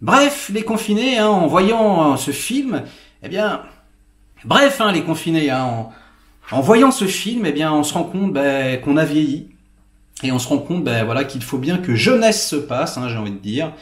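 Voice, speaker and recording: A man's voice: fairly high pitch, very animated, a little slow. Rambling man reviewing films, echoey room. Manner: rambling and hesitant, full of fillers. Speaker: film critic, channel host. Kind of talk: casual spoken film review.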